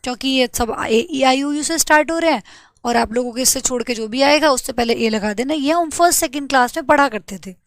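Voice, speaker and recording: Teaching English grammar to exam students, this young woman speaks in a high voice on a dry recording. She asks her own questions, answers them, and spells letters out slowly.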